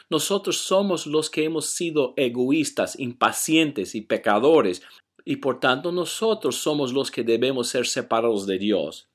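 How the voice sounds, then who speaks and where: A man delivers a short recorded Bible devotional at a deliberately slow pace. His voice sits at a middle pitch, and he reads scripture earnestly before reflecting on it. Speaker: devotional message speaker.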